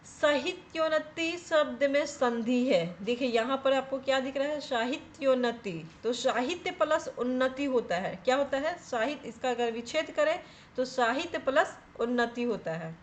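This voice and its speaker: A woman's voice: high voice, a little hiss or hum. A woman teaching a grammar lesson for exam preparation, explaining step by step and checking in with viewers as she goes. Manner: explains step by step, often asks and answers her own questions; repeats "theek hai" to check in with viewers.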